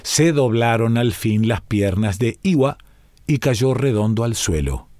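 Male audiobook reader, slow, dramatic, impassioned first-person narration, dry close sound. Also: mid-range voice, a little mellow, no room sound.

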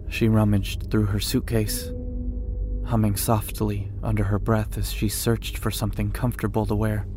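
A man giving a measured first-person scripted horror narration. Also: lowish voice.

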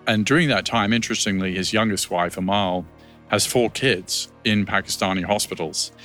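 A man's voice: fairly low pitch, normal speed, a bit bright, soft background music. A man speaking as an expert commentator in an unscripted interview, conversational and explanatory.

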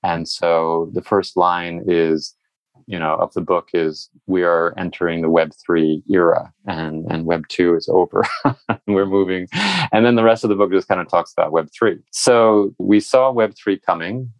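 A man speaking as a guest in an interview, relaxed and rambling, with the odd laugh. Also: deep voice, dry recording, dull audio. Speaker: guest, entrepreneur and investor. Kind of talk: casual interview talk.

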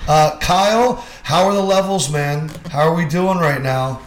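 A man's voice: a little high, measured pace. Man sounding like he's in a cave. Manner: upbeat and wisecracking. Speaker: podcast host. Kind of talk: casual sports podcast chat. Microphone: podcast microphone. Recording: echoey cave-like room sound with faint background hum.

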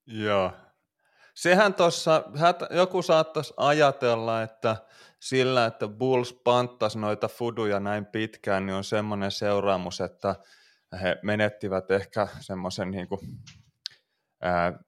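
A man co-hosting a casual sports podcast, joking and chatty. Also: on the low side. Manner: joking, laughs often. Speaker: podcast co-host.

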